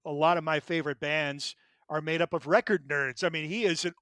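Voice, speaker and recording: A man's voice: fairly high pitch, steady tone, a little fast, sharp tone, clean tone, no room sound, clean studio sound. A man co-hosting a music podcast, talking casually and eagerly about bands and records. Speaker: podcast co-host.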